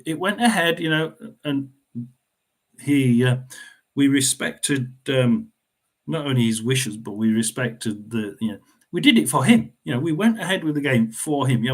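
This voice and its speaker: Man, middle-aged, casual football watchalong host, rambling, keeps clearing his throat, fillers. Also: mid-range voice, lively intonation, moderate pace. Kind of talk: casual live football commentary.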